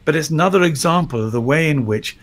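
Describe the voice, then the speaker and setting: A man, a bishop on a church news panel, talking in quick animated bursts with restarts. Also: fairly high pitch. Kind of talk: casual panel discussion.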